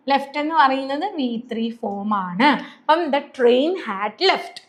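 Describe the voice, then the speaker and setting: A woman's voice: high voice, a bit bright. A woman with a Malayali accent teaching an English grammar lesson, explaining patiently and repeating key points.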